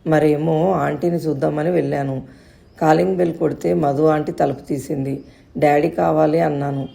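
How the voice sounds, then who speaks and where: A woman's voice: deep voice, fairly even intonation, moderate pace, gravelly, mellow. Woman voicing an eager innocent little boy. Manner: questioning, rambling storytelling.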